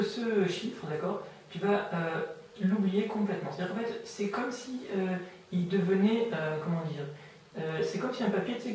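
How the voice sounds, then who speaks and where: A man running an amateur hypnosis session, giving slow, soothing, repetitive suggestions with frequent hesitations and fillers. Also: sits high, darkish tone, slight background noise. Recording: very echoey room, mic far off.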